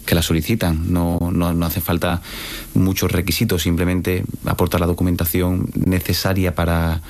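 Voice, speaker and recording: A man who trains exam candidates at an academy, explaining in a measured way on a panel. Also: low-pitched, completely flat delivery, a little mellow. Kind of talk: panel discussion.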